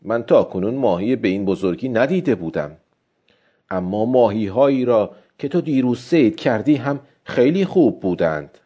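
A man's voice: medium pitch, expressive, warm tone, dull audio, natural voice. A man doing a kindly café owner. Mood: sympathetic. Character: kindly middle-aged male café owner.

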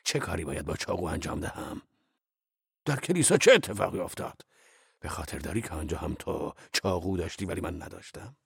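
A steady, scornful old man who refuses to be rattled, talking low and quietly teasing, as an audiobook narrator puts him on. The voice is gravelly and a bit husky, yet it moves up and down lively. Close, dry sound. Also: dry recording, exaggerated voice. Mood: calm mocking. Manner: steady, taunting, low-key. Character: old male wanderer, calm, mocking, unafraid. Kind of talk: audiobook character voice.

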